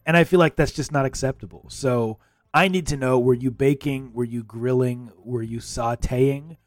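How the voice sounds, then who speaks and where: A man's voice: medium pitch, normal speed, dry recording, studio quality. A man hosting a video game podcast in an upbeat, emphatic and playful announcer style. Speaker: podcast host.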